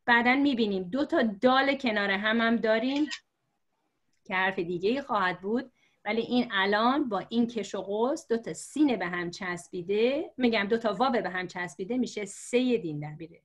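A woman teacher telling a story to explain letters, patient and slow, with many fillers. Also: medium pitch. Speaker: religious script teacher. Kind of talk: storytelling lesson for learners.

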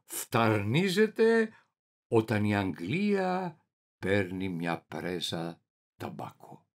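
A man performing a theatrical reading as a deluded, paranoid middle-aged clerk, swinging wildly between shouting and muttering. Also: on the low side, huge pitch swings. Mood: bewildered, paranoid. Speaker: reader of a dramatic monologue.

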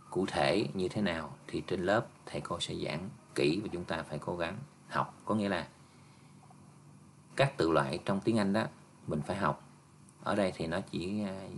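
Very low-voiced male teacher. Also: a little hiss or hum. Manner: patient, explaining step by step with frequent "nha" and "nè". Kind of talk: exam review lesson.

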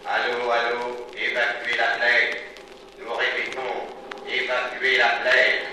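An actor playing a calm male ground-control operator whose voice comes over a radio link from Earth in a vintage radio drama. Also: mid-range voice, slow, noisy background. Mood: steady. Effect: voice heard over a radio link from Earth. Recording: echoey, distant radio transmission.

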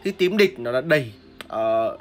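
A woman's voice: extremely low pitch, expressive, a little slow. A woman giving live gameplay commentary, explaining her strategy and crying out and repeating words during fights. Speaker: gameplay streamer.

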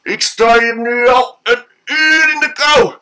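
A man voicing an angry drunk man who yells and swears over and over. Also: very high-pitched, takes it slowly, pitched above the performer's own voice, exaggerated voice, low-quality recording. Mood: angry shouting. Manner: yelling, swearing, repeating himself. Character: furious drunk man locked out, shouting.

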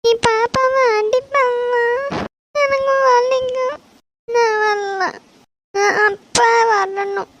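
A woman voicing a small, whiny toddler girl with a high, childish voice. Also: drawn-out words, lo-fi sound, noisy background, heavily acted. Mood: sulky. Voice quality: high, soft childish lisp.

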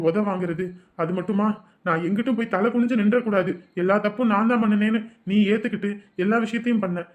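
A man's voice: high-pitched, natural voice. A man playing an earnest devoted husband. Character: devoted adult husband and father.

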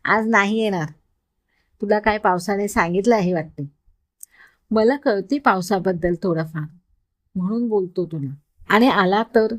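A woman's voice: medium pitch, a little slow, pauses often, close to an everyday voice. A woman voicing a cheerful, easygoing young man who jokes with his friend in story dialogue. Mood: joking. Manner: easygoing, joking.

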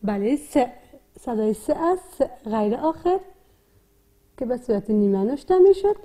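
A woman with an Afghan Dari accent teaches young learners to read. She has a high, soft, mellow voice. She breaks every word into its sounds and repeats each one patiently. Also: very animated. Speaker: primary school teacher. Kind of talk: slow, repetitive literacy lesson.

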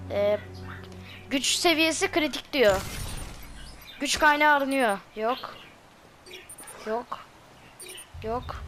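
A woman streaming a game with excitable, chatty commentary and shouted reactions. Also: on the high side, a little hiss or hum. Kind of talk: let's-play commentary. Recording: voice over loud game music.

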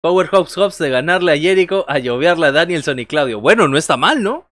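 A man's voice: on the high side, animated, fairly quick, fairly bright tone, no echo, clean studio sound. A man in his thirties doing casual wrestling commentary on a livestream, joking and conversational as he talks with viewers. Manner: joking, conversational, reacting to chat and calling moves. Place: small bedroom, indoors.

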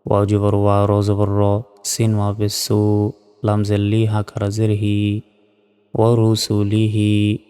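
Slow-spelling man in a reverberant hall. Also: on the low side, completely flat delivery, mellow, clean tone. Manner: spells each syllable then chants the joined word. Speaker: Quran reading teacher. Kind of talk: slow letter-by-letter Quran spelling lesson.

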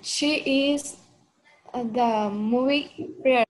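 Hesitant woman student speaking very slowly. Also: on the high side, slight background noise, rough recording. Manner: hesitant, slow answers with pauses and fillers. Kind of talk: answering in an online English class. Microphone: video call.

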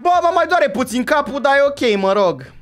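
A man's voice: very high voice, expressive, a bit bright, faint music behind, voice pushed up. A man voicing a sulky, gullible game buddy. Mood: naive. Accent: Romanian. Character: gullible young male game buddy, easily upset.

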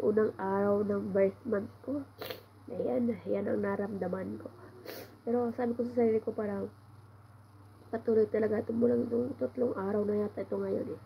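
A woman's voice: mid-range voice, vocal fry, muffled recording, slight background noise. A woman with a cold-congested voice tells a rambling, casual story at home, sighing often as she complains. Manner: meandering, with frequent sighs of complaint. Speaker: vlogger.

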